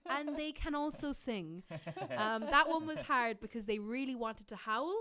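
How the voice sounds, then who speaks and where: A woman's voice: on the high side, normal speed, a crowd in the background. A woman co-hosting a casual chat as a workshop facilitator, chatty and laughing often. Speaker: podcast co-host, workshop facilitator.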